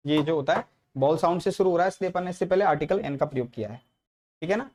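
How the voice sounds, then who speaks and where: A man's voice: fairly high pitch, fast talker, darkish tone, a little hiss or hum. Man teaching grammar class. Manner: repetitive, checks in with frequent tag questions. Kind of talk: classroom lecture explaining English grammar.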